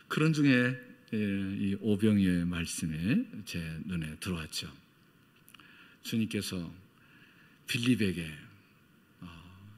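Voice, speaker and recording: Emotional middle-aged preacher in reverberant church. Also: male voice. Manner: emotional storytelling, acts out quoted dialogue with big swings in pitch and loudness. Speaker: missionary preacher. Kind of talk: sermon. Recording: long church-hall reverb.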